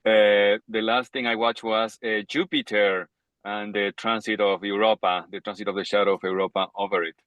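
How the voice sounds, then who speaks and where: Man on car speakerphone, flat and low. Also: normal speed, clear, resonant tone, no room sound. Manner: apologetic, brief. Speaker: priest. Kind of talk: casual video call check-in. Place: his car while driving.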